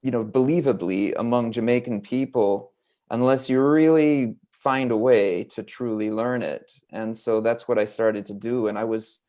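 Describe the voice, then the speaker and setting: A man's voice: medium pitch, moderate pace, dark tone. An American man from Los Angeles, a guest author in a casual interview, telling his story in a rambling, reflective way over a video call. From Los Angeles, United States.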